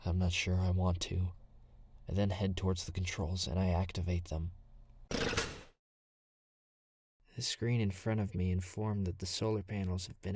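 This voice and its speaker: A man playing a low, husky nervous survivor. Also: a little mellow. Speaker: first-person narrator. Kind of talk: audio drama narration.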